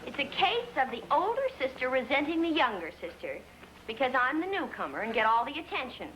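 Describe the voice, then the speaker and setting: A melodramatic young student. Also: female voice, high-pitched, sing-song, brisk, a bit bright, slight background noise, rough recording. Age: young adult. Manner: theatrical, exaggerated alarm. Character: melodramatic young woman student, self-admiring. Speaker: college student sister. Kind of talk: 1950s sitcom acting. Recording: old TV soundtrack, studio audience laughter.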